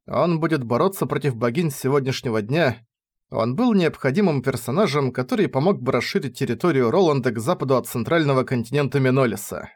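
A man reading a fantasy story aloud as narrator, in even, measured scripted narration. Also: mid-range voice.

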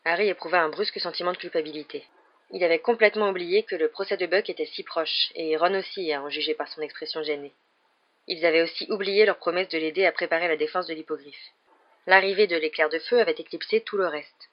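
Steady audiobook narrator, lo-fi sound. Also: mid-range voice, fast talker. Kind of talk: scripted storybook narration.

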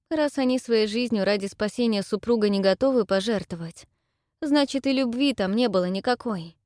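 For an audiobook character voice, a woman plays a timid, tearful young widow who was once a stage actress, speaking softly and pleadingly. Her mid-range voice is pitched above her natural one yet stays close to an everyday voice, captured as a dry, clean studio recording.

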